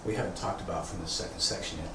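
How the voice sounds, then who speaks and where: A man teaching tai chi informally, thinking aloud haltingly as he demonstrates, with a congested throat. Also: low-pitched, pushed and bright. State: throat congested, often clearing it. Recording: echoey room, distant mic, background noise.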